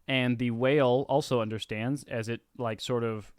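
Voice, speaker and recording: Man, game master narration, easygoing, mid-pitched voice, dry close sound. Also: fairly even intonation, moderate pace, clear, resonant tone, no echo.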